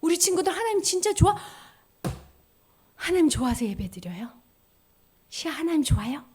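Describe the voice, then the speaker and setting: A woman giving a children's sermon. She asks the kids questions and swings between loud exclamations and hushed whispers. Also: high voice, sing-song, normal speed, a little hiss or hum. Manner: speaks directly to children, asking them questions. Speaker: children's ministry preacher.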